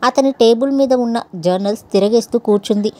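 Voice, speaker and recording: A woman narrating a serialized story in steady, even tones. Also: a little high, a little fast. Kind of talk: scripted narration.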